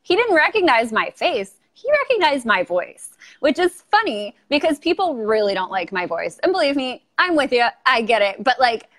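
A woman with a Valley Girl accent talks casually and self-deprecatingly as a guest. Her fairly high voice swings lively up and down, with giggles and frequent filler "like". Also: moderate pace. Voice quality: can be loud. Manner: valley girl talk, heavy use of like. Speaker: interview guest, online video creator. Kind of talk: casual chat.

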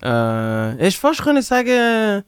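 A man's voice: high voice, slow pace, clear, resonant tone, no echo, studio quality. A young man speaking with a Swiss German accent, a comedian animatedly telling anecdotes and acting out the voices in them. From Congo. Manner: animated, acts out voices in anecdotes, laughs often. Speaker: comedian podcast host. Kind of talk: casual chat, storytelling.

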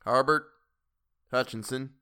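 A man voicing a brisk middle-aged official running a village lottery, formal and businesslike. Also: medium pitch, sharp tone, smooth, voice pushed up. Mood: calling. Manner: brisk, formal, calling out names.

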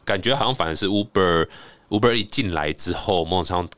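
A man with a Taiwanese Mandarin accent hosting a casual interview, chatty and quick to exclaim. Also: low-pitched, fairly bright tone, no echo. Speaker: interviewer, host.

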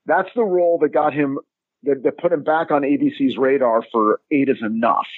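Husky man on a phone-like line. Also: mid-range voice, moderate pace, no room sound. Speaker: podcast co-host. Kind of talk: casual comic chat about an old TV show. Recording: roomless, dull phone-like line.

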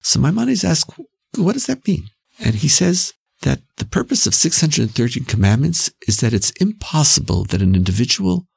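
Husky, creaky, and on the low side, a Canadian-accented man explains things reflectively in conversation while his pitch swings widely. He hammers his points home, often repeating a phrase, and the audio has no echo.

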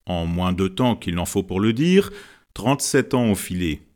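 A man's voice: sits low, expressive, moderate pace, a little mellow. A man doing a solemn middle-aged man toasting.

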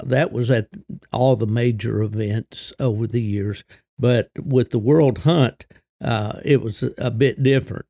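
An older man with a gravelly voice, hosting a solo podcast in a folksy, unhurried, conversational way. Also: fairly low pitch, dark tone, no echo, clean studio sound. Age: 60s or older. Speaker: podcast host.

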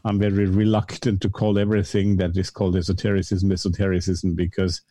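A mature man answering interview questions in a measured, carefully qualified, conversational way. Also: low-pitched, flat delivery, warm tone, no echo, clean studio sound. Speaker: podcast guest, esotericism podcaster.

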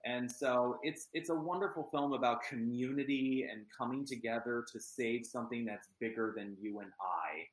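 A man's voice: mid-range voice, normal speed, hardly any pauses. Earnest man in an echoey room. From Pennsylvania. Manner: earnest, chatty with many ums. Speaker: actor and guest. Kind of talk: casual interview chat.

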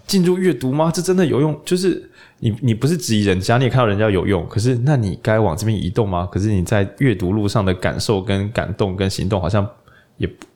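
A man's voice: fairly low pitch, quick pace. A man with a Taiwanese Mandarin accent, hosting a casual podcast and telling a story, acting out the voices in it. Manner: animated storyteller who acts out voices in the tale. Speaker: podcast host.

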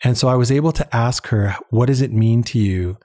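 Brisk and mellow at a medium pitch, an interview guest who leads an international eye-care charity recounts personal experiences in an earnest, reflective, conversational way. He was born in Uganda and later lived in Canada, and he repeats words for emphasis.

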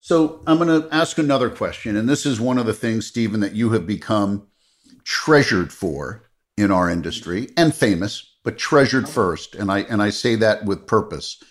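A man's voice: lowish voice, moderate pace. Emphatic middle-aged male interviewer. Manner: expansive, emphatic, repeats for effect. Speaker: interviewer host. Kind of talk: interview questions.

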